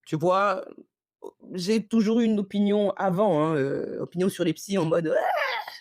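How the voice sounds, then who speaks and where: A woman hosting a casual storytelling podcast, animated and slangy, acting out the dialogue as she tells it. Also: mid-range voice, normal speed, no room sound. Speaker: podcast host.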